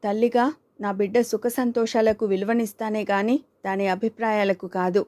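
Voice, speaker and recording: A woman's voice: medium pitch, steady tone, a little mellow, no room sound, lightly acted. Woman reading a stern reasoning mother. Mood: firm. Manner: measured, firm, reasoning. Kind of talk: audiobook character reading.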